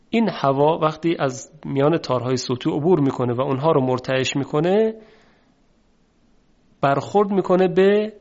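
A man with a Persian accent teaching Quranic pronunciation, explaining patiently and slowly drawing out the example words. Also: mid-range voice. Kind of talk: phonetics lesson with drawn-out example words. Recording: dull lo-fi recording.

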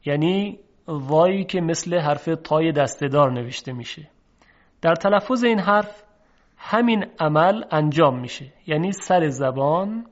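A man teaching how to pronounce Arabic letters, speaking slowly and deliberately and repeating each sound for the listener to practice. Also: fairly high pitch. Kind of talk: recorded pronunciation lesson. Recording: dull lo-fi recording.

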